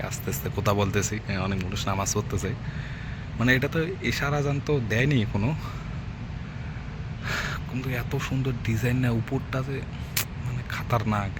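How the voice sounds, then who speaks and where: A man from India vlogging casually as he walks around, chatting to his viewers with lots of filler words. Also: lowish voice. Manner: chatty, addresses viewers as guys, many fillers. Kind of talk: casual walking vlog. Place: outdoors in a city, then inside a large mosque. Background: traffic and city ambience.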